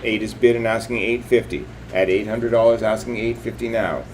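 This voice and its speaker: A man's voice: lowish voice, fairly even intonation, brisk, a little hiss or hum, rough recording. A man working as a live auctioneer, calling bids and increments in repetitive, clipped patter.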